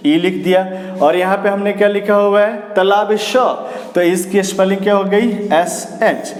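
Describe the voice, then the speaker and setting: A high-pitched man teaches basic English spelling, asking and then answering his own questions. He praises every step with "very good." His voice rings in a roomy, echoing space with a lingering tail. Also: steady tone, moderate pace. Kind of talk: spoken English lesson. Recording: echoey room with long reverb.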